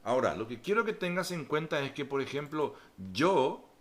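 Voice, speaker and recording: A man's voice: a little high, expressive, brisk. A male teacher giving a patient grammar lesson who repeats key points and checks in with his students.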